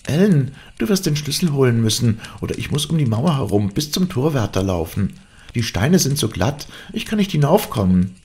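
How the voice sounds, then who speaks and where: A man's voice: normal speed, creaky. A man reading an audiobook aloud, voicing a spirited young woman who pleads and frightens easily. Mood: pleading. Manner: raised, lively girlish pitch.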